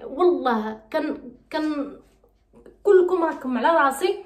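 A woman's voice: high-pitched, animated, measured pace, roomy sound. A woman from Morocco with a Moroccan Arabic accent, chatting bubbly and repetitive in a beauty vlog. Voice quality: bubbly, chatty, repeats herself. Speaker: beauty vlogger. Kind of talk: casual vlog chat and recipe explanation.

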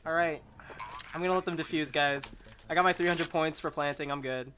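A young man bantering over a game in an excitable, jokey, giggly way, full of slang. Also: fairly high pitch, a little fast, a little hiss or hum. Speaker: gamer in a group voice chat. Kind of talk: casual gaming banter. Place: online voice chat over gameplay.

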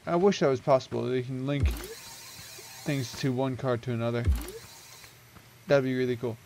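A young gaming video creator talks casually through a game build he made, rambling and correcting himself with lots of ums. His mid-range voice is a little mellow and moves at a normal pace, recorded on a headset mic at home with slight background noise.

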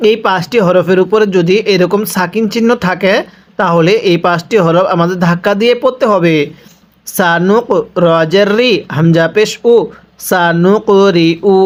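A man teaching Quran reading with a Bangladeshi Bengali accent, patiently spelling out letters and vowels, then drawing out each word for the listener to repeat. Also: high voice. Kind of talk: slow spelled-out recitation lesson.

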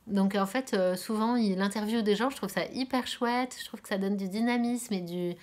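Hesitant soft-spoken woman knitting host. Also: mid-range voice, moderate pace. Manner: hesitant, many fillers, often drops to a soft near-whisper; enthusiastic, repeats words of praise. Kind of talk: casual chat about knitting.

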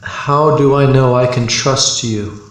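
A man deliberately asking questions aloud to an unseen listener, as host of a spirit box session. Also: mid-range voice, fairly even intonation. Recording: very echoey room, handheld phone video.

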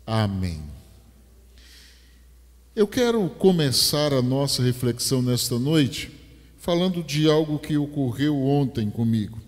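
A middle-aged pastor from Brazil with a Rio de Janeiro accent, reading scripture and preaching a sermon on a headset mic in a large church. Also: male voice, medium pitch, big pitch swings. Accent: Rio de Janeiro Portuguese. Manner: slow, measured scripture reading building to emphatic preaching. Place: large church stage, indoors. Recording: long church hall reverb.

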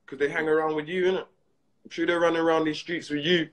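A man ranting and mocking on a phone Instagram live, excitable and slangy. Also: fairly high pitch, quick pace.

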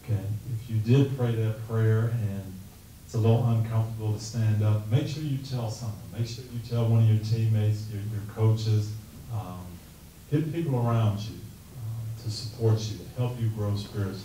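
A middle-aged man speaking earnestly into a handheld mic to a team in a classroom, giving a measured talk that moves into prayer. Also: on the low side, slight background noise. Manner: earnest, measured, softly pleading. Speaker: guest speaker. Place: classroom meeting room, indoors. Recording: echoey room, camera from a distance.

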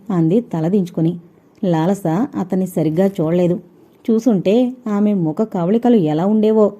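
A woman narrating an audio novel in a measured, dramatic reading style. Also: mid-range voice, mellow. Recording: dull lo-fi recording.

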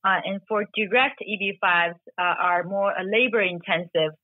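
Speaking over the phone at a moderate pace in a mid-range voice, the same guest, a Chinese- and Korean-speaking woman from China in her forties, explains immigration law in interview answers. She hesitates a lot, and the audio is dry.

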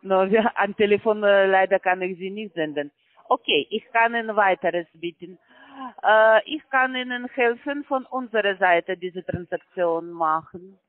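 Speaking at an unhurried pace in a medium-pitched voice, a woman working as a call center agent makes a sales pitch by phone. Her grammar is broken and she hesitates with fillers throughout; the line is tinny and dry, without echo.

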